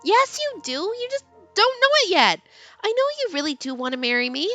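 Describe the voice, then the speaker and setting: A woman acts out a boy-crazy teenage girl from a game, very high and swooping. She is bubbly, dramatic and pushy, gushing insistently in a bright voice. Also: big pitch swings, brisk, soft background music, exaggerated voice. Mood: lovestruck, pleading. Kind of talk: expressive character reading of game text.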